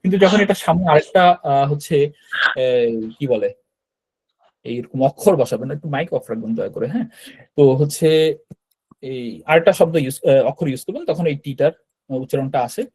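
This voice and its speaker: A man's voice: on the high side, animated, brisk, pauses often, warm tone, breathy edge, rough recording. A man teaching a beginner online language class, explaining step by step and checking in with students with a frequent "right?". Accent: Bangladeshi Bengali.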